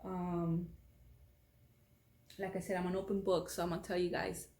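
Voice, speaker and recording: A young woman tells a story straight to camera in a loose, rambling way, full of fillers. Her voice sits low and mellow. The room around her is echoey. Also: level tone, normal speed. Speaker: beauty vlogger. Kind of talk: casual storytime vlog.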